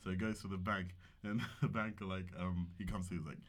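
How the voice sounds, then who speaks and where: A man's voice: deep voice, fairly even intonation, fairly quick. A young man with a London accent, telling stories in casual group banter in roadman slang peppered with innit and fam. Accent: London, urban street English. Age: young adult.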